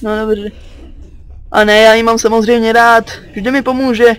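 Teen male let's-player from Czechia, very high and bright, jumpy, curses at monsters. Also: little pitch movement, clean tone. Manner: jumpy, yelps and curses at enemies. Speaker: gaming channel host. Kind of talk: let's play commentary.

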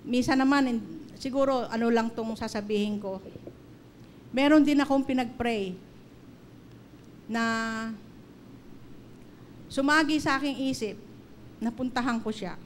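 A middle-aged woman preaching in an earnest, storytelling way, her voice sitting a little high. Faint background noise hums under her words. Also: measured pace, long pauses. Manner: earnest, storytelling, mixing in English phrases. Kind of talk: sermon with personal testimony.

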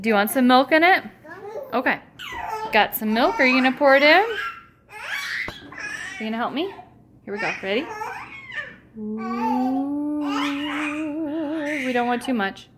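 A woman's voice: high-pitched, measured pace, long pauses. A woman in her thirties, a mother chatting casually to the camera and her children in her home. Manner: cooing, playful baby talk with her children. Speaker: vlogger and mother of three. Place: family home. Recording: home video with background noise.

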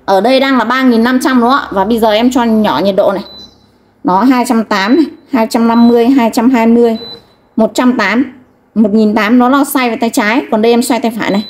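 A high-voiced woman with a northern Vietnamese accent sells household goods online. She delivers a hard-sell demonstration, salesy throughout. She keeps addressing the buyers directly with polite little tags. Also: brisk, darkish tone. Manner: salesy, repeatedly addressing customers with polite tag particles. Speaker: online shop seller.

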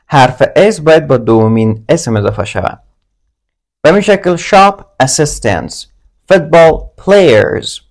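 A man teaching an English grammar lesson, reading English example words slowly and deliberately in pairs. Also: fairly high pitch, lively intonation.

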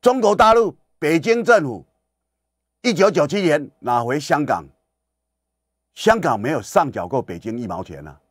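A man's voice: fairly high pitch, very animated, normal speed, pauses often, dry recording, studio quality. A man hosting political commentary on the radio, lecturing emphatically and firing rhetorical questions at his listeners. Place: radio studio.

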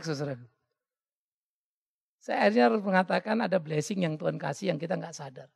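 A male pastor preaching a sermon in an animated way, often acting out the voices of the people he quotes. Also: high voice, gravelly, breathy edge, in a large hall. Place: church hall.

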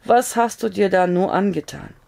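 A woman's voice: medium pitch, expressive, moderate pace, vocal fry, a little mellow. A woman voicing an anxious young pioneer wife who speaks worriedly and stammers in an audiobook reading.

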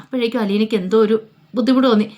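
Fast-talking woman storyteller. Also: a little high, steady tone, mellow. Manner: rapid, casual retelling. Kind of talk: colloquial story narration.

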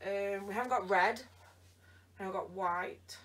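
Her voice is mid-range and a bit bright, with fairly even intonation and a normal pace, as this tired vlogger playfully ribs someone off camera during a try-on session. She's recorded in her bedroom by a camera across the room, sounding distant.

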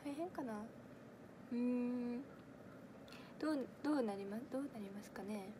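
A woman's voice: fairly high pitch, normal speed, background noise. A young woman in her twenties with a Kansai accent, chatting casually on a livestream, giggly and full of fillers as she answers viewer comments. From Kansai, Japan. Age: 20s. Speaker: idol audition livestreamer.

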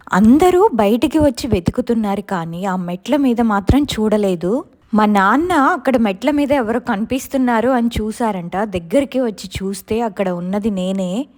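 A woman narrating a viewer's real ghost experience in the first person as a storytelling channel host, slowing for the scary parts. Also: a little high, darkish tone.

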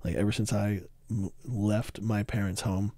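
Man, low voice, gravelly, dry close sound, casual rambling review, wry asides. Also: fairly even intonation, a little slow, warm tone, no room sound. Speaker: board game reviewer.

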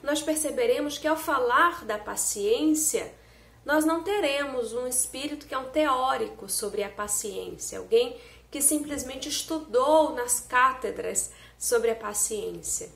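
A young woman gives an earnest spiritist talk straight to her viewers, her voice sitting a little high. She is recorded close on a phone in a room at home, with a noticeable roomy echo around her words. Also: expressive, unhurried, creaky, a bit bright. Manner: earnest, explanatory, speaks directly to viewers. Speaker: spiritist lecturer. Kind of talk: online spiritist lecture. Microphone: phone camera close up.

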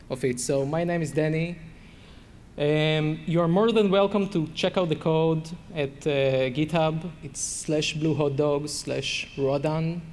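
A man with an Israeli accent giving a technical conference talk in a relaxed way, with many fillers. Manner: relaxed, filler-heavy explaining. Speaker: conference speaker. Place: conference hall. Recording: reverberant hall, faint rumble.

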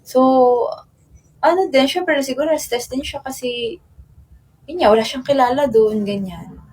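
A woman's voice: high-pitched, a little slow, a little mellow, breathy edge. Chatty Filipino young woman, rambling. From Philippines. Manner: rambling storytelling full of fillers, switching between Tagalog and English. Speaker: athlete chatting with fans. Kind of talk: casual live-stream chat.

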